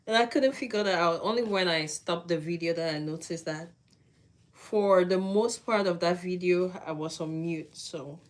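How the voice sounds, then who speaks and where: A young woman from Cameroon talks to her viewers in a relaxed, unhurried live-stream chat. Her voice sits fairly low, and she laughs easily between thoughts. There is a faint hiss behind her. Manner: chatty and easygoing, laughs often. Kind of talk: casual livestream chat to viewers.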